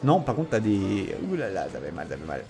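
A man giving casual, excitable commentary on his own game, teasing and mock-threatening his opponent, and saying he is tired. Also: lowish voice, a little fast, heavy background noise. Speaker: gaming channel host.

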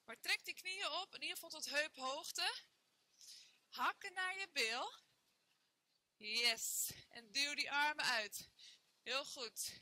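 A young female fitness trainer with a high, sharp voice leads a workout class in a bare indoor room, exercising alongside her students as she counts reps and cheers them on. She talks slowly, leaving long pauses between instructions.

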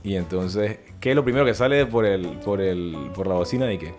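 A man's voice: low-pitched, moderate pace, a little mellow, soft background music. A young man with a Panamanian Spanish accent, a podcast host and fitness coach telling stories in casual, slangy chat and laughing often.

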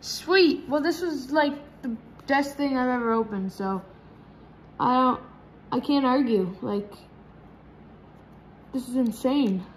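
A woman chatting casually while opening trading card packs, breaking into high excited shrieks at big pulls. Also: slow pace, pauses often, a little hiss or hum, rough recording. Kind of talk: casual pack-opening commentary. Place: indoors at a table. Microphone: camera over hands, speaker off screen.

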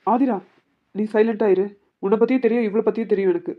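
A woman voicing a calm, firm young husband in a cartoon family drama, questioning the others. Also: medium pitch, quick pace, natural voice. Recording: dull lo-fi audio.

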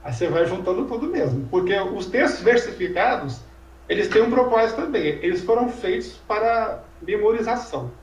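A man's voice: high voice, lively intonation, fairly quick. A man teaching language in an informal lecture conversation, explaining patiently and asking rhetorical questions. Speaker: Sanskrit teacher. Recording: echoey room, voice from far off mic.

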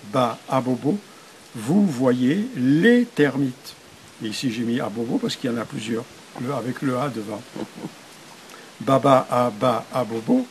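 A man's voice: mid-range voice, darkish tone, slight background noise, rough recording. An older man, a priest, explaining his method for teaching adults to read, patiently sounding out syllables one by one.

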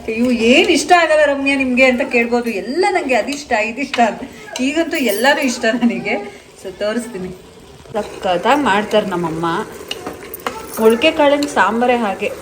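A woman vlogger chatting casually in a home kitchen, commenting as she goes. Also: fairly high pitch. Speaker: family vlogger. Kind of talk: casual vlog chat. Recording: faint frying noise behind.

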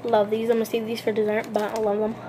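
A woman's voice: fairly high pitch, completely flat delivery, quick pace. Rambling young female vlogger, noisy recording. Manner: rambling, filler-heavy talk with lots of "like" and "um". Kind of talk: casual eating-show vlog.

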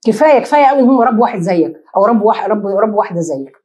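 A woman with an Egyptian accent giving an animated lecture, asking rhetorical questions and acting out short exchanges. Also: medium pitch, reverberant. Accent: Egyptian Arabic. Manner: animated, asks rhetorical questions and answers them herself; acts out short dialogues in quick asides. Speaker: lecturer giving marriage advice. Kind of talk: lively lecture to an audience.

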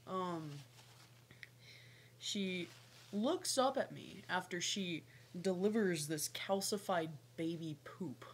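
A young woman with a fairly low voice talks casually as a pet owner in a home vlog. She rambles at an unhurried pace and breaks off to coo at her animal. The webcam audio carries some faint noise. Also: animated. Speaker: pet snake owner vlogging. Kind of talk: casual vlog chat to camera. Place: small lamp-lit room at home. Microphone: webcam or laptop mic at arm's length.

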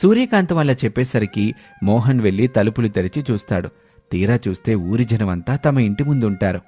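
A man narrating an animated story in a steady, scripted manner. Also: on the low side, fairly quick, slightly rough, faint music behind.

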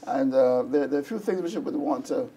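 A male reverend explaining journaling on a church television programme, talking conversationally and sometimes pausing to search for words. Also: medium pitch, warm tone, breathy edge.

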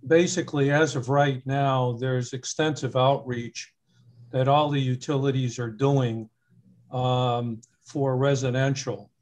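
A man in his sixties giving a formal, measured and halting explanation as a witness on a video call. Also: medium pitch, steady tone, darkish tone. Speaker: witness answering a committee question. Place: home room, video call.

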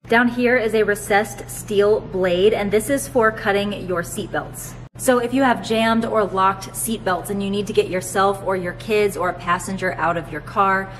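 A woman's voice: mid-range voice, fairly bright tone. Conversational woman presenter in a noisy warehouse. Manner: explanatory, conversational. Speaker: host presenting her store's products. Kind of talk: product demonstration to camera. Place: large open warehouse, indoors. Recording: clear background noise, warehouse ambience.

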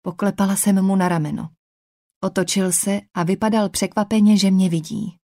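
A woman narrates a novel in the first person with a measured, even delivery. Her voice sits at a middle pitch and is recorded close and dry, with no room sound around it. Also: dry recording. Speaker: audiobook narrator.

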